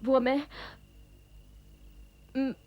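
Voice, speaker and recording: A woman's voice: high voice, level tone, very slow, dull audio, faint music behind. A woman playing a frightened young niece who confesses hesitantly. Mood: fearful. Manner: tearful, hesitant. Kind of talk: Hindi TV serial acting.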